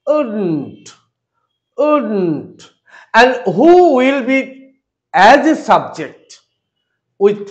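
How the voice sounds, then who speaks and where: Male grammar teacher with Bengali accent, native Bengali; very slow, high and animated delivery, quizzes the class. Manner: slow, deliberate, repeats and quizzes with rhetorical questions. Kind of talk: grammar lesson.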